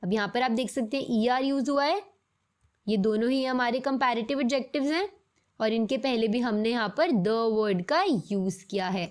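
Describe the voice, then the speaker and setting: Woman, English teacher, slightly high voice, patient step-by-step explanations. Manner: explains in Hindi, reads English examples slowly. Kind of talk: scripted grammar lesson.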